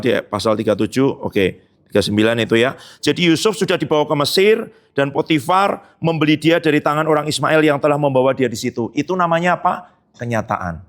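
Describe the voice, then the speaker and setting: Animated male pastor preaching. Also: on the high side. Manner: lively preaching, questions the congregation and jokes. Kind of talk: sermon. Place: church hall.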